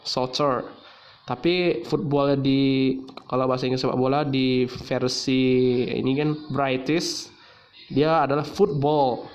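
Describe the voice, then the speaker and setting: A man teaching English in a relaxed video lesson, pausing often with fillers and restarting his sentences. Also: mid-range voice, clear, resonant tone, dull audio. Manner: hesitant, many fillers and restarts. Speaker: English tutor.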